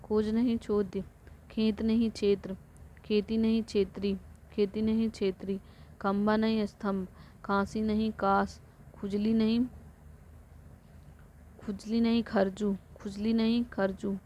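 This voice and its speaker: A woman teaching Hindi vocabulary for exams, reading word pairs slowly and repeating them, sometimes correcting herself. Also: mid-range voice, little pitch movement, mellow, lo-fi sound, a little hiss or hum. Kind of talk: exam-prep vocabulary drill.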